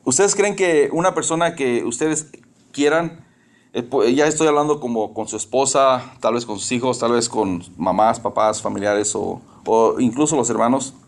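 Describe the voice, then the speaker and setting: A man's voice: mid-range voice, normal speed. Pastor in his 50s, chatty sermon, throws questions at the crowd, bits of english. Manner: conversational preaching with rhetorical questions; slips into English phrases.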